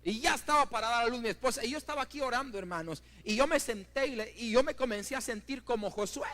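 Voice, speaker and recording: A high-voiced middle-aged pastor preaches in a church with fervent storytelling. He surges to loud, emphatic peaks and drops to hushed asides, constantly turning to the congregation as brothers. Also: quick pace. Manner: keeps addressing the congregation as brothers. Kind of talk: sermon. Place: church building.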